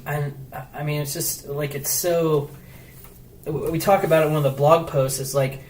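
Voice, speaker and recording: This podcast guest, a travel blogger, speaks at normal speed in a higher-than-average voice, far from the mic. He tells his story in a loose, animated way, full of "like" and cursing, amid roomy echo and faint hiss.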